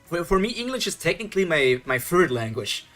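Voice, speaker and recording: Over soft background music, a young German man with a German accent reacts to a webtoon live, his voice on the high side, a bit bright, fairly quick, and full of big pitch swings. He's chatty, thinking aloud, restarting sentences, chuckling, and answering his chat as he streams.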